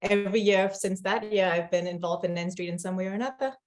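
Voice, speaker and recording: A woman from Singapore, a guest on a podcast interview, who talks warmly and enthusiastically with soft "um" fillers. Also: mid-range voice, quick pace. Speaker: board member, guest. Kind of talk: casual interview chat.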